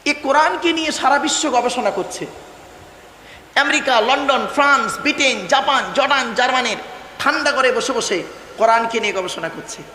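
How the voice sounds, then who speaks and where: Man preaching a waz, super high bright voice, repeats himself a lot, big roomy hall sound. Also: slight background noise. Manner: declamatory, repeats phrases, addresses listeners as "baba"; chants Arabic verses slowly. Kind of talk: Bengali waz sermon to a gathered audience.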